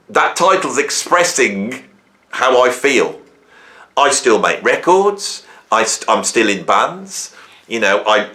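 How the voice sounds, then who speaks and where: A man in his fifties hosts a YouTube music channel, reflecting alone to camera in a rambling, self-questioning way and often ending points with "right?". His voice is a little high, bright and pushed.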